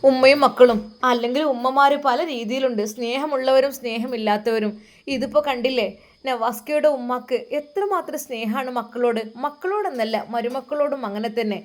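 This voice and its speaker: A woman's voice: high-pitched, normal speed. A woman narrating a dramatic story, emotive and speaking directly to her listeners.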